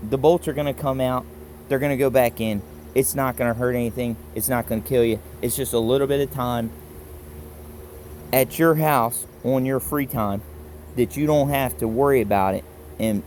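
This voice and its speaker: A man with a Baltimore accent gives a casual, plain-spoken hands-on tutorial in halting, folksy phrases, talking to a handheld camera. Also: medium pitch, a little mellow, a little hiss or hum. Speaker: instructor in a do-it-yourself tutorial. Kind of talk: casual hands-on how-to explanation. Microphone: handheld camera held while demonstrating.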